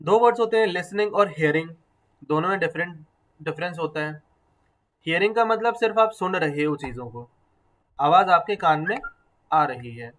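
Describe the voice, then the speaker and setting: A man with a fairly high voice gives a classroom lecture. He explains step by step, mixing English phrases into his talk. He stops often to put questions to his students. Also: normal speed, long pauses, fairly bright tone, rough recording. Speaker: teacher.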